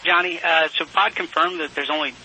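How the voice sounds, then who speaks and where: Male ground controller, very bright forceful tone, procedural calls, crackly space radio with light hiss. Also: fairly high pitch, fairly even intonation, a little fast. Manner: formal, procedural readbacks with radio call phrases. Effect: crackly space radio link. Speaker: mission control communicator.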